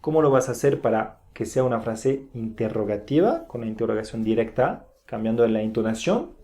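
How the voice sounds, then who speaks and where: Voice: medium pitch, expressive, a little fast, mellow. A teacher giving an online language lesson, speaking carefully and modeling pronunciation for the viewer to repeat. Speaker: French teacher.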